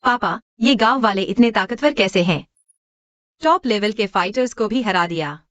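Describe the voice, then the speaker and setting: A woman voicing a gentle young daughter-in-law in a dubbed short drama, soft and worried. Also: mid-range voice, expressive, normal speed, no echo, highs cut off, close to an everyday voice.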